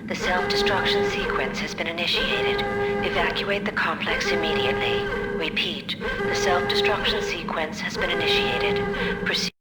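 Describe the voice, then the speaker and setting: A woman voicing an impersonal automated facility announcer in a video game, reading measured fire-drill style evacuation instructions over a public-address system. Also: fairly low pitch, wildly swooping pitch. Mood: impersonal, urgent. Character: calm automated female facility announcer giving evacuation warnings. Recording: echoing, loud music behind.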